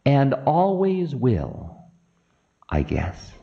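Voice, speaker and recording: A man performs Ravana, the defiant, mocking twenty-armed demon king, in dramatic mythic storytelling, using a scornful, theatrical drawl pitched above his natural voice. His mid-range delivery is very slow, gravelly and dark, with wildly swooping pitch and heavy acting. The sound quality is lo-fi.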